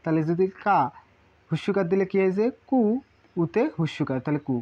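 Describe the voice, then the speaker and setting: A man's voice: sits high, brisk, highs cut off. A man teaching a casual Japanese lesson, repeating syllables in lists and asking rhetorical questions. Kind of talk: casual spoken lesson at a whiteboard.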